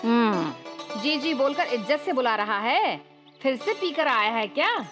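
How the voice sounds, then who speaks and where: A woman's voice: high-pitched, very animated, a little slow, loud music behind the voice. A woman dubbing a caring older sister who fusses tenderly over her brother. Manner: fussing, tender scolding. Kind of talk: Hindi film dub. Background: film score.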